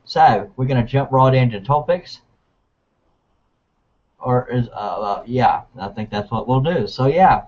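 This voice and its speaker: A man's voice: mid-range voice, lively intonation, unhurried, pauses often, darkish tone. A man from Texas co-hosting a live video call show, joking and rambling in casual chat. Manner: joking, rambling, self-mocking. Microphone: video call mic. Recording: muffled video call audio.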